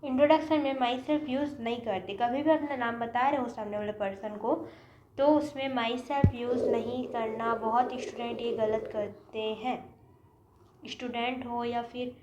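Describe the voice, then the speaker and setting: A woman with an Indian accent gives an English lesson in a slow, careful way, stressing each word of her example sentences. Her voice sits fairly high. The recording is echoey with a faint hiss behind her. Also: steady tone. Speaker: English teacher. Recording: echoey room with faint noise.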